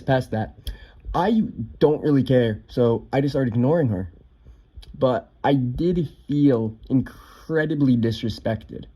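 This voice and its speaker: A man's voice: medium pitch, dark tone. Laid-back young man telling a story. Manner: offhand, swears casually, lots of fillers. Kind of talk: casual storytime narration.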